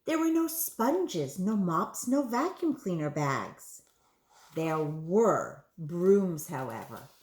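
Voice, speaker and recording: Slow lively preschool teacher reading. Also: female voice, on the low side. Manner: asks children questions. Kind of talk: reading a picture book aloud to children. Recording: roomy room echo.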